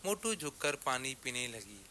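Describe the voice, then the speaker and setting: A man narrating a children's story in a slow, measured way. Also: mid-range voice, very animated, pushed and bright, slight background noise.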